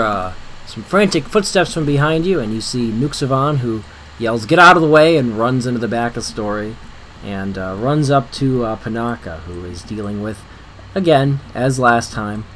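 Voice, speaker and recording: A man narrating as game master of a tabletop game, with a relaxed, hesitant delivery full of fillers. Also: on the low side, a little hiss or hum, poor audio.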